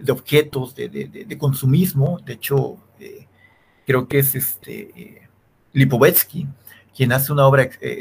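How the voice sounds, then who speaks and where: A man's voice: medium pitch, a little hiss or hum. A man, a law lecturer answering interview questions, checking in with a constant questioning "sí" and stumbling over restarts. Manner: keeps checking in with a questioning "sí", many restarts and fillers. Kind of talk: academic explanation in an interview.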